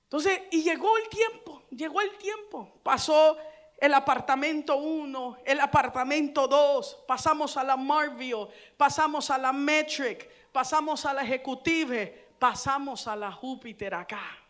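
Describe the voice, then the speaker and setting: A woman pastor from El Salvador preaching a sermon with fervor, repeating phrases and building to loud exclamations. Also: high-pitched, measured pace.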